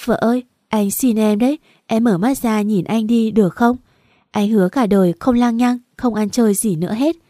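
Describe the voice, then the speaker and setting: Woman reading heartbroken young husband begging his wife to wake up, tearful, mellow dry voice. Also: a little high, normal speed, no room sound, lightly acted. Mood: pleading. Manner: tearful, pleading. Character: grieving young husband pleading at his wife's bedside.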